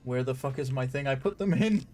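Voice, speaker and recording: A man's voice: medium pitch, animated, moderate pace, a little mellow, soft background music. A man giving casual gameplay commentary, chatty, laughing often and swearing freely. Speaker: gaming streamer.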